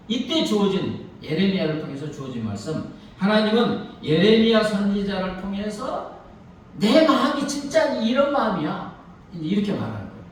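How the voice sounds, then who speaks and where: In a church sanctuary, a high-voiced pastor preaches a sermon, telling a story and putting rhetorical questions to the congregation. The mic is far off in an echoey hall, with slight background noise.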